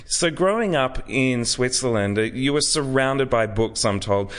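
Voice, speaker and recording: A man's voice: mid-range voice, animated, unhurried, fairly bright tone. A man hosting a podcast, giving polished, upbeat introductions and asking questions. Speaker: podcast host.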